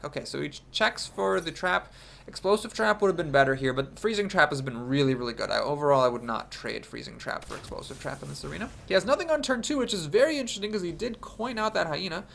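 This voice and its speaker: Stuffed up with a cold, this young streamer commentates his own card game, reasoning out loud about each play. He speaks at a fairly high pitch with a creaky, slightly bright quality.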